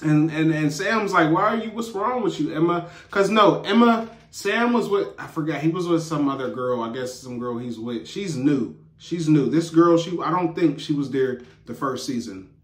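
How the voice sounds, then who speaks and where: A man's voice: a little high, moderate pace, few pauses. Slangy man recapping a TV episode. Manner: slangy, rambling, with many fillers. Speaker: TV show reviewer. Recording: roomy echo.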